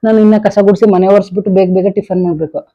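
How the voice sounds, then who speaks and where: A young vlogger narrates her day while doing chores and cooking in her home kitchen, chatting straight to her viewers. Her medium-pitched voice is steady, and she races along on a lo-fi recording.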